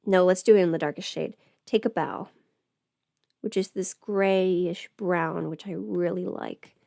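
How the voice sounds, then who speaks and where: While ill, a livestreaming audio performer does her makeup and chats casually, thinking aloud in a rambling, at times playful way. Her lowish voice is warm and creaky, unhurried and fairly even in intonation, recorded with studio quality and no echo.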